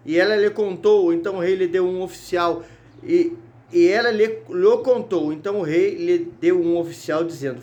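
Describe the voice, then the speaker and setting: Fervent high-voiced male preacher. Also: a little mellow. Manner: fervent, calls out hallelujah and brothers often; repeats words and restarts while reading. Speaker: evangelist preaching on a Bible chapter. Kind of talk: sermon with Bible reading. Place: church sanctuary.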